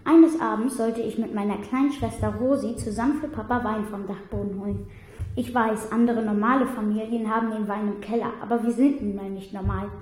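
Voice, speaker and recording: A woman's voice: fairly high pitch, fairly even intonation, a little fast, darkish tone. Woman reading a story in an echoey room. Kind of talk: first-person story reading.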